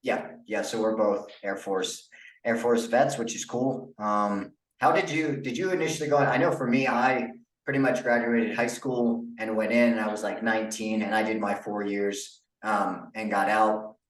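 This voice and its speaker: A young adult man hosting a casual interview podcast, relaxed and full of fillers. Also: fairly low pitch, moderate pace, recorded from a distance. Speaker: podcast host. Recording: echoey room, off-mic.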